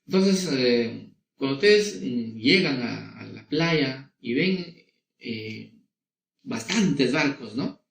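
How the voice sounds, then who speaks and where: A male teacher giving a slow, patient lesson to children, often checking that they follow. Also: mid-range voice, animated, vocal fry, echoey room, distant mic. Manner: slow and patient, asking many rhetorical questions. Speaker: schoolteacher. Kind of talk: recorded classroom lesson for children.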